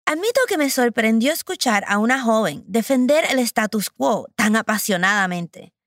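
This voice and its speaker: A woman's voice: a little high, animated, moderate pace, a bit bright, no room sound, clean studio sound. A woman hosting and narrating a documentary podcast in a personal, reflective storytelling manner. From Puerto Rico.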